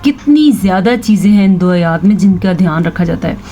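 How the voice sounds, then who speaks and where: A woman teaching tajweed, slowly reciting verses and patiently explaining how each letter is pronounced. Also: fairly low pitch, animated, warm tone, slight background noise. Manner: slow, drawn-out recitation of verses between quick spoken explanations; patient, instructive, repeats each word to correct common mistakes. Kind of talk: tajweed lesson with recited examples.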